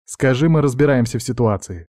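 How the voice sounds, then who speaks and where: A man's voice: medium pitch, fairly quick, darkish tone, no room sound, studio quality, pitched above the performer's own voice, lightly acted. A man doing a stern female bodyguard. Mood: commanding. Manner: clipped commands.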